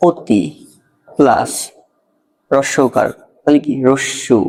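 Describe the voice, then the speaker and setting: A man's voice: medium pitch, slow pace, a little mellow, slightly rough. A man with a Bangladeshi Bengali accent teaching an exam-prep grammar lesson, explaining step by step and often checking if the learner follows.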